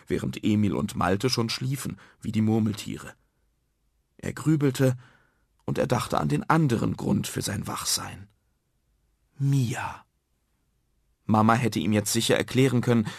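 A man reading a bedtime story for children aloud in a lively, expressive way. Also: mid-range voice, gravelly, slightly rough, dry recording, studio quality. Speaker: narrator. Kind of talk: scripted bedtime story narration.

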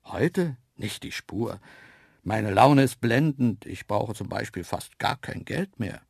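A man narrating a children's story in the first person, lively and playful, with hushed asides. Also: lowish voice, slow pace, vocal fry, slightly rough, no echo, clean studio sound. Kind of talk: storybook reading.

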